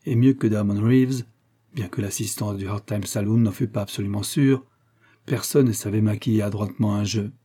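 A man narrating an adventure story in a steady, measured audiobook reading. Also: fairly low pitch, slightly rough.

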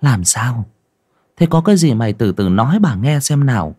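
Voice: mid-range voice, big pitch swings, moderate pace, darkish tone, breathy edge, pitched above the performer's own voice. Narrator doing a wailing grief-stricken older mother. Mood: anxious. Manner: wailing, sobbing cries. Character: grieving older noblewoman, frantic mother.

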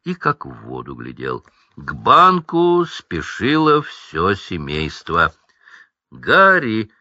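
Slow, low-voiced male storyteller. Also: huge pitch swings, creaky, bright, forceful tone, no room sound, dull audio. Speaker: audiobook reader. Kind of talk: storybook narration.

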